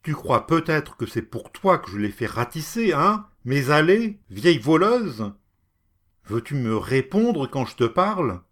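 A man voicing a furious, haughty rich landowner who beats a poor woman, his voice raised high and loud. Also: big pitch swings, a little slow, exaggerated voice. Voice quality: shouting, haughty.

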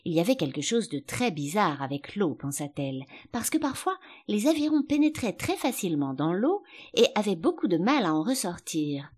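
A woman narrating a children's storybook with a lowish voice. Her pitch rises and falls freely. She reads in a measured, expressive way. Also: breathy edge. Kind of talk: scripted audiobook narration.

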